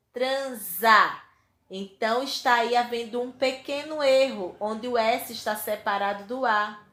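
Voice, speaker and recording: A woman teacher giving a lesson to young children. She speaks in a slow, clear dictating manner, stretching out each example word, with a Brazilian Portuguese accent. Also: a little high, a bit bright, echoey room.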